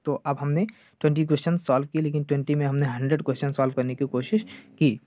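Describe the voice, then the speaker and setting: A male teacher giving an online exam-prep lecture, checking "clear?" over and over and slowing down to drill names. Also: fairly high pitch, level tone, warm tone, no echo. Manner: repeats "ठीक है" and "clear है" often, drills names slowly. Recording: dull lo-fi dry sound.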